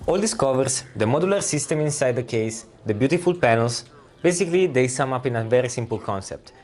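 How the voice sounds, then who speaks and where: A man's voice: mid-range voice, darkish tone. A man with an Italian accent giving a friendly, step-by-step product walkthrough and talking to viewers as "guys". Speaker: product presenter.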